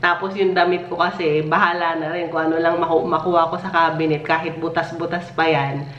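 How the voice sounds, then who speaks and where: A woman talks casually to her viewers from home, laughing often between sentences. Her voice sits a bit low and sounds faintly hoarse, with a cough now and then after a recent illness. The recording is distant and roomy, with muffled, dull highs. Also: level tone, a little fast, fairly bright tone, a little hiss or hum. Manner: chatty and giggly, with frequent laughs. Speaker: family vlogger. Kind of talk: casual chat.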